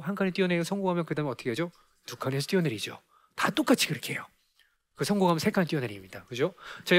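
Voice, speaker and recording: Lively high-voiced man giving a lecture. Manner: poses rhetorical questions to the audience; acts out children's voices. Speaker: parenting lecturer. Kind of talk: lecture to parents.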